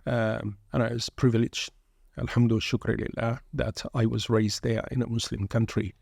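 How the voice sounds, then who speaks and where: A gravelly, flat, medium-pitched voice at normal speed belongs to an earnest guest shaykh and pilgrimage group leader on a reflective religious podcast. He speaks preacherly, dotted with Arabic phrases, his first language being Arabic; he was born in England and raised in Sudan. The studio-quality recording has no echo.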